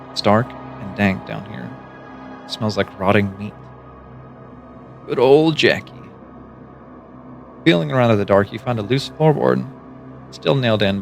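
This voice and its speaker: A man's voice: on the low side, vocal fry. A male streamer reading an interactive story aloud on a livestream, casual, with wry asides and swearing between the passages. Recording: faint background music.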